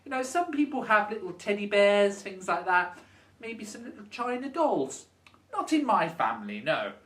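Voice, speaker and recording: A man delivering a comic rant to camera in a vlog. He is sarcastic and keeps firing off rhetorical questions, and his pitch leaps high and low for effect. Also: sing-song, moderate pace, fairly bright tone. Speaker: vlogger.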